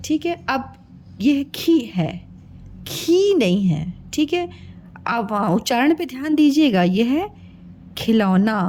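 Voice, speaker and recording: In a high, sing-song voice with a darkish tone, a woman gives a children's spelling lesson over slight background noise. She coaxes along, sounding words out slowly one syllable at a time and speaking to her listeners as children.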